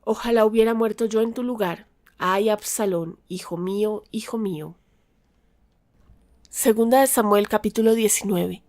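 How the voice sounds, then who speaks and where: A woman reading scripture aloud in a calm, measured narration. Her voice sits at an ordinary middle pitch and she keeps an even, steady pace throughout. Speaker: Bible reader.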